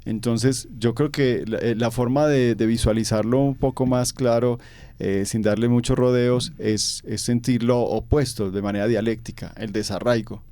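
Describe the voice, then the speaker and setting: Speaking at a normal speed with fairly even intonation, a young paisa-accented Colombian man answers interview questions thoughtfully, often using fillers and saying words twice. His medium-pitched voice has a mellow quality, captured in a dry recording.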